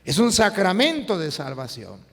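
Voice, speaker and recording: Priest guy preaching, highish voice, jumps loud and soft a lot, long echo tail. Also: normal speed, creaky, slightly rough. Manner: animated storytelling with sudden swings in pitch and loudness. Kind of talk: preaching sermon. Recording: long hall reverb.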